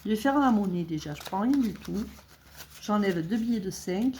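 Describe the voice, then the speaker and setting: A middle-aged woman chatting casually as she fills budget envelopes, counting money aloud and thinking out loud with little hesitations. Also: mid-range voice, expressive, moderate pace, a little hiss or hum. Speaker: budgeting vlogger. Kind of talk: casual talk while filling cash envelopes.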